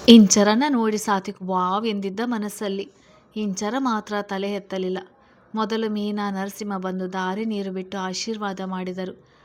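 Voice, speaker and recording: A woman steadily narrating a serialized novel as the channel's storyteller. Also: mid-range voice.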